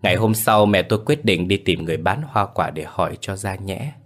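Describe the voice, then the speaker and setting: A man narrating a ghost story in a somber, measured way. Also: low voice, animated.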